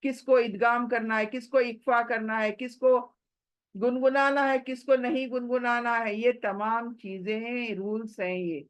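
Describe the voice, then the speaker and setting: A woman's voice: fairly high pitch, flat delivery, a little slow. A woman teaching Quran recitation rules in an online class, drilling words with repeated questions and spelling sounds letter by letter.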